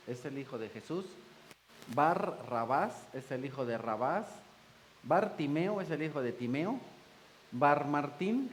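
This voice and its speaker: A man's voice: mid-range voice, slight background noise, rough recording. A man preaching a sermon in church, folksy, joking with the congregation and acting out the voices he quotes. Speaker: pastor.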